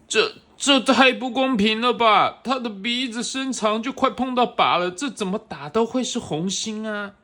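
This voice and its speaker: A woman's voice: on the high side, moderate pace, few pauses, sharp tone, pitched above the performer's own voice. A woman reading to a toddler, voicing an indignant animal athlete who exclaims in protest. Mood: indignant complaint.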